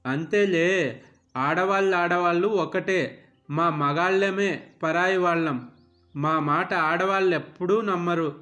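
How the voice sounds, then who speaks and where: A man's voice: high voice, fairly even intonation, measured pace, pauses often, sharp tone, soft background music. A man voicing an immature young husband who pleads his innocence and sulks. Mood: protesting. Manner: pleading, self-pitying protests.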